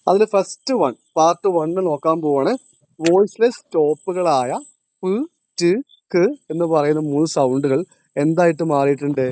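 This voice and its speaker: A male teacher, lecturing in a classroom, quizzing his students and repeating each point, slowing down on key terms. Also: a little high, dark tone, a little hiss or hum.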